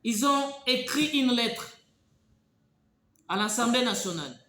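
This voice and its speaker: A man's voice: extremely high pitch, lively intonation, pushed and bright. Emphatic Congolese French man, roomy echo. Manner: emphatic storyteller, halting with restarts. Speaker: political commentator. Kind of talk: spoken political commentary.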